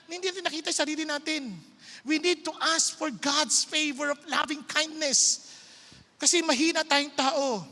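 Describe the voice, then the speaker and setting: Male preacher, emphatic conversational sermon delivery, bright tone. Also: very high voice, fairly even intonation, moderate pace, vocal fry, in a large hall.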